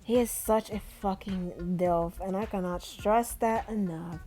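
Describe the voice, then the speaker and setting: A woman's voice: medium pitch, unhurried, mellow, soft background music. A woman vlogger chatting casually in a playful, profane, gushing way. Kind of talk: casual chat.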